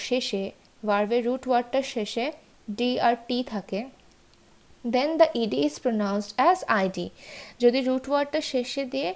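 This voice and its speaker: A woman teaching English pronunciation rules in a bilingual lesson, slowly repeating and spelling out example words. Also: fairly high pitch.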